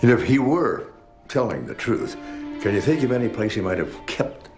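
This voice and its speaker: An actor playing a persistent amateur sleuth in a TV mystery, probing in a conversational, halting way. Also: male voice, on the low side, big pitch swings, music in the background. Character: inquisitive, persistent amateur male sleuth questioning suspects. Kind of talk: naturalistic TV mystery acting.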